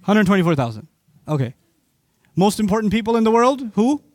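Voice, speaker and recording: A man with a high voice preaching a fervent sermon, turning to the listeners with pointed questions. The sound is dry and close, with no room echo. He is originally from Pakistan. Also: sing-song, brisk, a little mellow. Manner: impassioned, asks the audience rhetorical questions. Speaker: Islamic preacher. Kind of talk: sermon lecture to an audience.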